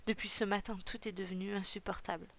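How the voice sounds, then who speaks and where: A woman's voice: mid-range voice, fairly even intonation, fast talker, vocal fry, a bit bright. A woman reading the part of a proud, angry young nobleman in a storybook, tense and bitter. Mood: distressed.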